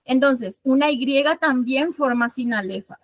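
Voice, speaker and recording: Woman from Paraguay, literature teacher. High voice, slow measured delivery, patient step-by-step explanations with frequent self-corrections. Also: no room sound. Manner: explains step by step, counting syllables aloud. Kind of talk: online class lecture.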